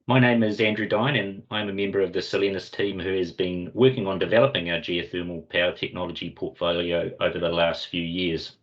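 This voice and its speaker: A man with a New Zealand Kiwi accent hosting a webinar, giving a formal, measured corporate introduction. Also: sits low, steady tone. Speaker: webinar host and company commercial lead. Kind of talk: semi-scripted corporate presentation introduction. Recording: dull, lo-fi online meeting audio.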